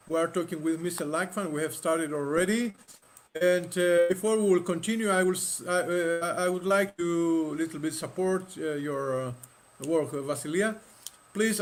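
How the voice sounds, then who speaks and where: A man hosting an online panel over a video call, speaking haltingly with many repeated words and fillers. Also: sits high. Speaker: host.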